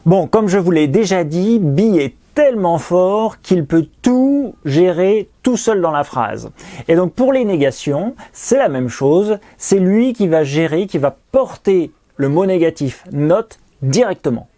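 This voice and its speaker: A man teaches English grammar in a recorded lesson, explaining clearly and patiently and repeating pronunciation drills. His voice sits high and is expressive, a little slow, and mellow.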